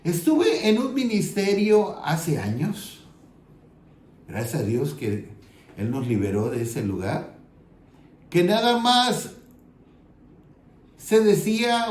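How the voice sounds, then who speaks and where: A man with a Mexican Spanish accent preaching an earnest sermon as pastor, reading scripture aloud and slowing down for emphasis. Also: high-pitched, sing-song, darkish tone, reverberant.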